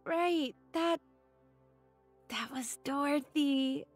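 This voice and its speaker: Tired young soldier girl from a video game, high voice, really slow, blunt and loyal. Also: faint music behind. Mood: weary, subdued.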